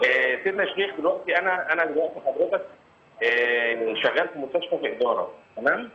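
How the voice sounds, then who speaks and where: A man's voice: a little high, racing. A man with an Egyptian Arabic accent calling in to a live radio show over the phone. He speaks politely and deferentially and keeps asking if he is understood. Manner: polite, deferential, asks for approval of each point. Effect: phone call heard over the radio. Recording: dull, lo-fi phone line with faint noise.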